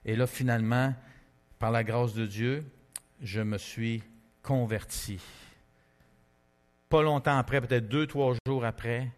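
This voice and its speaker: A man with a Québécois French accent preaching a testimony sermon, telling his story in a lively, conversational way with many fillers. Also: medium pitch, takes it slowly, long pauses, big-room sound. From Quebec.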